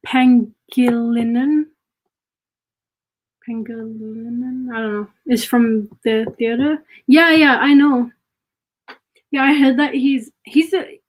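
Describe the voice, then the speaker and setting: A woman's voice: sits high, darkish tone, poor audio. A young woman streamer chatting casually and gushing while reacting to a trailer.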